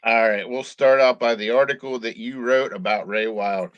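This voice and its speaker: Easygoing bright-toned sports co-host man. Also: mid-range voice, steady tone, normal speed, dry recording, dull audio. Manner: easygoing, hesitant, many fillers and laughs. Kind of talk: casual sports talk. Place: home office.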